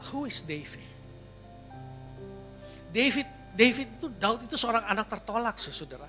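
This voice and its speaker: At a church service, a male pastor with a high voice and wide pitch swings preaches at a normal pace over background music. He shares personal stories before building to loud, emphatic exhortation, mixing English phrases into his sermon.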